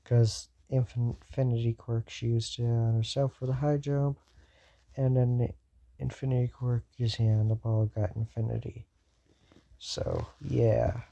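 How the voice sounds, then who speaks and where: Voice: mid-range voice, flat delivery, a little slow, vocal fry, warm tone, muffled recording. A fan storyteller improvising a what-if story, rambling with many fillers and self-corrections.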